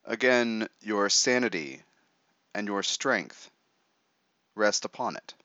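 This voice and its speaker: Male meditation guide, lowish voice, measured and instructive, short phrases with pauses, slightly dull dry recording. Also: lively intonation, bright, forceful tone, no room sound.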